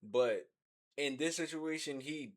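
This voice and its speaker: An American man co-hosts a movie discussion, reacting to a film recap with casual, slangy chatter. His voice is slightly high and slow.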